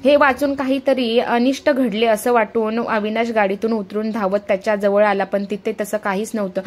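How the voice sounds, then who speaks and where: A woman with a somewhat high voice reads a story aloud. She often trips on a word and starts it again, and she speaks every character in her own plain voice. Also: steady tone, moderate pace, faint music behind. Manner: frequent stumbles and restarts on words. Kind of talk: reading a Marathi story aloud.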